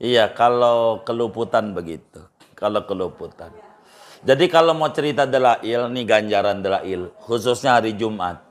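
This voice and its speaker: Man, middle-aged, cleric, casual religious advice, emphatic repetitions, average pitch. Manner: colloquial, repeats phrases for emphasis, lively pitch jumps. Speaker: Islamic cleric. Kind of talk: informal religious advice talk.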